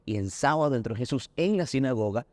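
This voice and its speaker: A man's voice: mid-range voice, animated, brisk, no room sound. A man with a Colombian accent, a pastor earnestly explaining a Bible lesson in a recorded discussion. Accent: Colombian Spanish. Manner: earnest teaching, acts out anecdotes.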